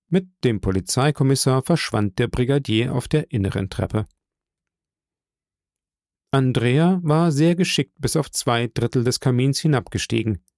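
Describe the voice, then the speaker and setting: A man narrating a novel as an audiobook in a measured, even storytelling manner. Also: mid-range voice, no room sound, clean studio sound.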